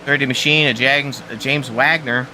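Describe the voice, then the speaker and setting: A Canadian man calling an online truck race as lead commentator, relaxed and chatty. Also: mid-range voice, moderate pace, slight background noise. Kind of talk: sim racing commentary.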